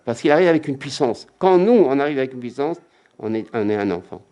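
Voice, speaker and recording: A man's voice: medium pitch, animated, quick pace, dark tone. A man giving a religious lecture as a rabbi, emphatic and repetitive, often acting out quotes.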